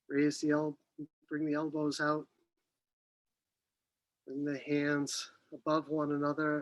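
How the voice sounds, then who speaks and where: A man teaching qi gong, giving serene, unhurried movement and breathing cues with long pauses. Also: a little high, no room sound, rough recording. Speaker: qi gong instructor.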